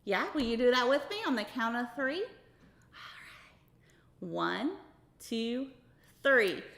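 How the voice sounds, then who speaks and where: A woman's voice: fairly high pitch, animated, a little slow. A woman hosting a children's show, teaching in a sing-song, encouraging way as she talks to kids and a puppet. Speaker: kids' show host.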